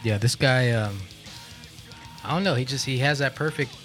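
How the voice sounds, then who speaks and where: A man's voice: mid-range voice, moderate pace, a bit bright. A man co-hosting a casual podcast, laid-back and profane, rambling about music. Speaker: podcast co-host. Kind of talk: casual chat.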